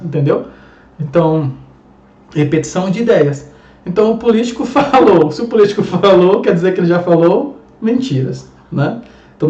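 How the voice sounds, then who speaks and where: A man with a Brazilian Portuguese accent teaching an online grammar lesson, lively and chatty, full of rhetorical questions. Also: high-pitched. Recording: echoey room, dull lo-fi sound.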